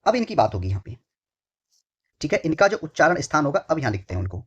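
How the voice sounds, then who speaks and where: A man's voice: a little high, very animated, fast, fairly bright tone, breathy edge. A male exam tutor giving a lesson. He asks questions and answers them himself, repeats phrases several times, and keeps addressing his students affectionately. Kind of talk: online exam-prep lesson. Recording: dull lo-fi recording.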